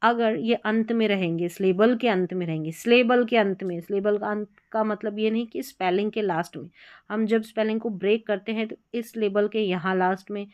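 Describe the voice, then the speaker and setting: In this exam-prep grammar lesson, an Indian-accented woman explains each step and repeats her examples slowly. She has a steady, medium-pitched, darkish voice, recorded dry.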